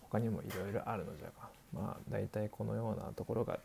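A man's voice: fairly low pitch, fast, gravelly, background noise. A man voicing an elderly male doctor who patiently explains, dragging out his old-fashioned sentence endings. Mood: explaining. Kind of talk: scripted explainer dialogue.

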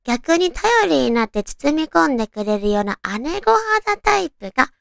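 Girly lady chatting solo on her show, really animated pitch, creaky bits, super dry recording. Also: normal speed, no room sound. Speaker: solo host of an audio talk show. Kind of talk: casual chat, reading out and reacting to sweet romantic phrases.

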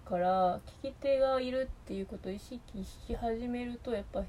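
A woman's voice: fairly high pitch, normal speed, warm tone, a little hiss or hum. A woman with an Osaka Kansai accent, chatting alone in a rambling, hesitant way, full of fillers and restarts. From Osaka, Japan. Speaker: podcast host. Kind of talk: casual solo chat.

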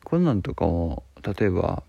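A man's voice: low voice, very animated, moderate pace, gravelly, warm tone, breathy edge, no echo. A man with a Kansai accent chatting casually to camera, joking and using many fillers. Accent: Kansai Japanese. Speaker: video creator. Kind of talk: casual talking-to-camera vlog.

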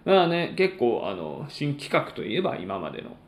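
A man hosting a solo podcast, chatting in polite, formal announcer-like phrasing with frequent pauses. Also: medium pitch, wildly swooping pitch, roomy sound. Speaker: podcast host and stand-up comedian.

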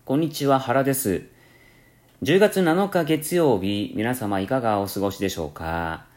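At a normal speed, a podcast host from Kansai, Japan rambles through a casual solo radio talk, his speech mixing Kansai accent with standard Japanese. Lively rises and falls in pitch mark his delivery. He leans on fillers and often corrects himself.

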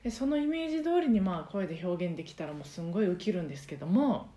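A woman hosting a casual solo podcast, talking in a soft, breathy voice with many fillers as she explains things. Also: fairly low pitch, expressive, rapid-fire, reverberant. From Osaka, Japan. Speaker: podcast host and karaoke teacher.

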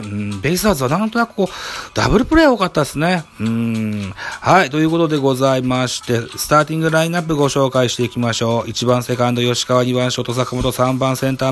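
A man's voice: medium pitch, fairly bright tone. A man hosting a baseball game review, speaking in very polite, formal announcer-like phrasing. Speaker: host.

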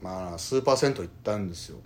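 Fast animated storytelling man. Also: sits low. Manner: fast storytelling, acts out voices in anecdotes. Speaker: podcast co-host. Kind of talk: casual chat.

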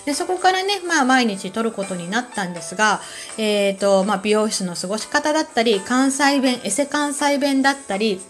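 A woman from Kansai with a Kansai accent, hosting a relaxed solo talk show with a calm manner and many soft fillers. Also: on the high side, brisk, faint music behind. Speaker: podcast host.

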